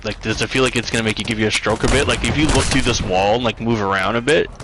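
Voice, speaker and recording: A man's voice: mid-range voice, steady tone, quick pace, background noise. A man streaming a shooter game, chatting casually, rambling and swearing freely. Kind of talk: casual gaming chat.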